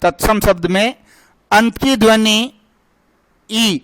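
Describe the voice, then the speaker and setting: A man teaching a grammar lesson in a slow, deliberate voice that sounds crisp and resonant. His pitch sits high for a man. He asks a question and answers it himself to drill each point, recorded dry and close. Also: steady tone, fairly bright tone, dry recording, low-quality recording.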